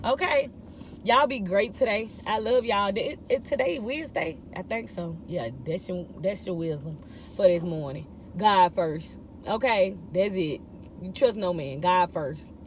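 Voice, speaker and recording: A woman's voice: mid-range voice, a little slow, a little hiss or hum. A woman in her thirties giving a casual morning devotional, emphatic and repetitive as she urges listeners to keep believing. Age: 30s. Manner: emphatic, repetitive exhortation in informal speech. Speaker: vlogger giving morning encouragement.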